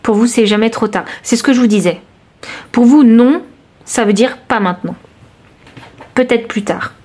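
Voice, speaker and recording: A woman reading tarot cards for her viewers, talking straight to them in a searching, reassuring way with many pauses and restarts. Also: on the high side, darkish tone. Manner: intimate, reassuring, addresses viewer directly. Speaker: tarot reader. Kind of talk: intuitive tarot reading to camera.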